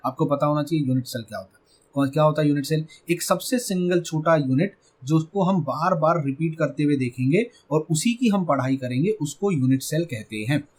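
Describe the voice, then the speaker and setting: A man's voice: on the high side, fairly quick. A man teaching a chemistry exam-prep lecture with an Indian English accent, asking his class questions and answering them himself.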